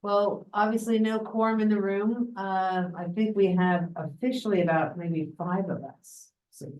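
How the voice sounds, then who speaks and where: A woman's voice: mid-range voice, fairly even intonation, a little slow, darkish tone, rough recording. A middle-aged woman, executive director, chairing a planning meeting in a meeting room with a joking, breezy manner.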